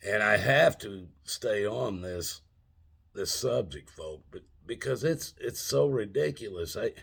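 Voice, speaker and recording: An older man with a gravelly, husky voice delivers an old man's back-in-my-day rant to his viewers, halting, folksy and plain-spoken. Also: on the low side, animated, a bit bright. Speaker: video channel host. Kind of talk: informal monologue to viewers.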